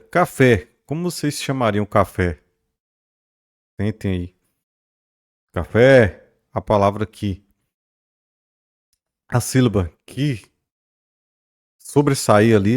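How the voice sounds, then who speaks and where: Teacher explaining with stretched stresses. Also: male voice, medium pitch, expressive, unhurried, long pauses. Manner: explanatory, checks in often with "beleza?" and "né?"; stretches out stressed syllables when modeling words. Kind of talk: recorded grammar lesson.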